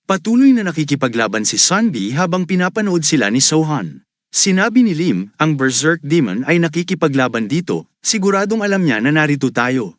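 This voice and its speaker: A man narrating a story recap in a steady storytelling way. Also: fairly high pitch, fairly quick, no room sound, clean studio sound.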